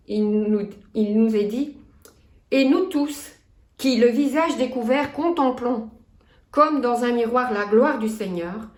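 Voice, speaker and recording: A woman in her fifties with a Belgian French accent, preaching a sermon in an earnest, measured way and reading scripture aloud. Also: fairly high pitch, darkish tone, reverberant. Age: 50s. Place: church.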